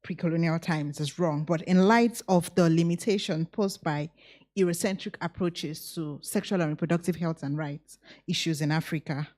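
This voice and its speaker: A woman's voice: low voice, moderate pace, a little mellow. A woman moderating a conference panel, asking a long formal question and restating it. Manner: formal, repeats her question.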